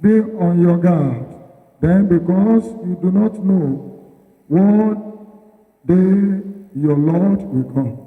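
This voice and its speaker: Man, high voice, deliberate scripture reading, distant, long church reverb. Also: phone-quality sound. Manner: slow, deliberate, formal. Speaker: liturgical reader of the Gospel. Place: large reverberant church, far from mic.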